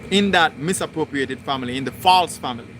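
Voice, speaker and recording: A man hosting a spiritual livestream, talking through his thoughts in slow, deliberate, repetitive phrasing. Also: a little high, fairly bright tone, slight background noise. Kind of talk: reflective spoken monologue.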